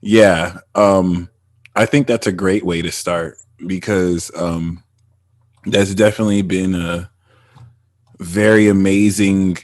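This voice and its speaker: A man's voice: deep voice, fairly even intonation, takes it slowly, a little mellow, no room sound. A man hosting a casual spiritual conversation, rambling with many fillers and restarts. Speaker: podcast host.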